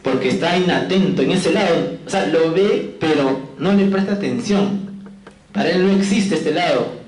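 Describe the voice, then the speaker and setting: A man giving a physiology lecture in a fairly high voice, checking in with his students constantly and cracking jokes to keep them awake. The sound is roomy, with the echo of a classroom around him. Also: normal speed, darkish tone, faint music behind. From Peru. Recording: echoey classroom.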